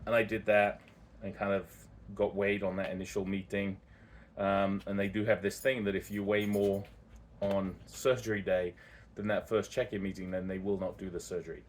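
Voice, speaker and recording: In his vlog, a man recounts his own experiences with a fairly low voice, sounding candid and informal. His telling wanders, and he keeps revising what he just said.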